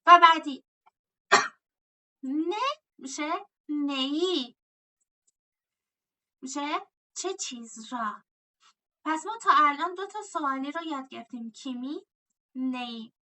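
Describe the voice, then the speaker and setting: Woman teacher, high and very bright, explaining grammar patiently, recorded a bit off-mic. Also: lively intonation, pauses often, recorded from a distance. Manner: explains step by step, asks and answers her own questions. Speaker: language teacher.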